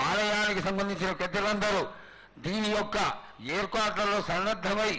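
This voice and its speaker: A man. He talks formally and deferentially, as in a reverent ceremony. There is clear noise behind him. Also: high voice, rough recording. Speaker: ritual questioner addressing the oracle. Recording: loud background noise.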